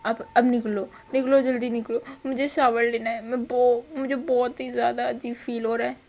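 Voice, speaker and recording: A woman's voice: a little high, level tone, moderate pace, a little mellow, slight background noise, lightly acted. A woman voicing a hurt, stubborn young man who scolds sharply and makes demands, within a storytelling role voice. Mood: scolding.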